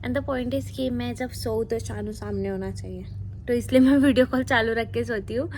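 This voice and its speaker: A woman's voice: a little high, moderate pace, darkish tone, slight background noise. A young woman on flight crew, chatting casually to her phone camera in a hotel room, mixing English words into her Hindi. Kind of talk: casual vlog chat to camera.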